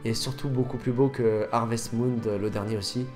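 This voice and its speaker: A man's voice: medium pitch, fairly even intonation, moderate pace, over music. A man chatting casually over gameplay, rambling and often correcting himself mid-sentence. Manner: rambling, self-correcting, fillers. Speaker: gaming youtuber.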